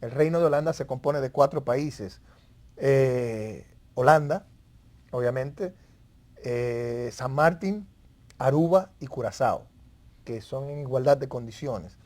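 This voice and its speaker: A man speaking as an expert guest in an interview, haltingly, repeating words as he searches for phrasing. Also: medium pitch, darkish tone. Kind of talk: conversational panel recap in an interview.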